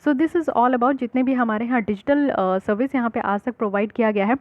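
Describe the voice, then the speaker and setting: A woman's voice: fairly high pitch, fairly quick, no echo. A woman teaching exam-prep current affairs, explaining patiently and mixing in terms with frequent fillers. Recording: dry, phone-like lo-fi audio.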